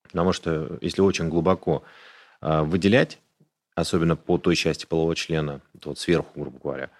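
Deep-voiced man explaining plainly. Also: fairly even intonation, brisk, darkish tone. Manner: explanatory, matter-of-fact medical detail. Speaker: urologist guest. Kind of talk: casual podcast conversation.

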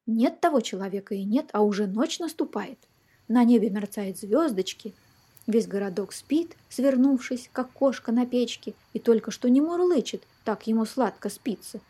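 A woman reading a children's fairy tale aloud in a lively, expressive storytelling manner. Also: a little high, breathy edge.

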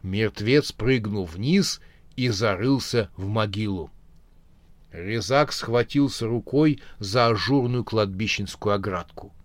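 Male audiobook narrator, slow measured reading, dry close sound. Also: fairly low pitch, no room sound. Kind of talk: scripted storybook narration.

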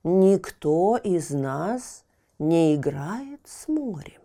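A woman voicing all the animals, birds and fish answering as one in a storybook, measured and dutiful. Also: lowish voice, sing-song, dark tone, full character voice. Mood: earnest denial. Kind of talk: storybook character voice.

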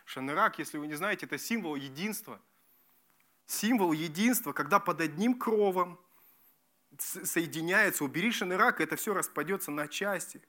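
A man preaching a sermon as pastor, emphatic and lively, repeating key phrases and restarting words. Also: high-pitched, normal speed. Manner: lively, emphatic preaching with repetitions and self-corrections.

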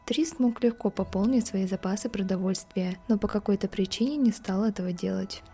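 A woman narrating a scripted true-crime podcast as its host, in a measured storytelling read. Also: medium pitch, warm tone. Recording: music behind the voice. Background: background music.

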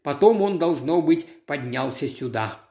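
A reader voicing a gruff old admiral and grieving father, speaking in a shaky, groaning voice. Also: medium pitch, animated, measured pace, warm tone, echoey room.

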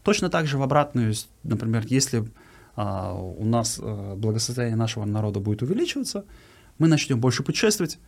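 A man in a conversational interview, speaking style phrasing. His pitch is mid-range for a man, and he makes his points earnestly, repeating key words for emphasis. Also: very animated, quick pace, vocal fry, a little mellow. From Uzbekistan. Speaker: guest giving his views.

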